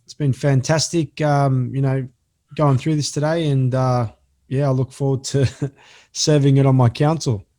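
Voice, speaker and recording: A man's voice: medium pitch, fairly even intonation, unhurried, warm tone. A man, speaking casually as a guest on a podcast. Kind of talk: casual chat.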